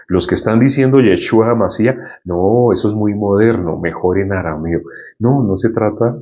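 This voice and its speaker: A man's voice: low voice, dark tone, highs cut off. A male preacher giving an informal Bible teaching in a conversational way, often asking his listeners questions.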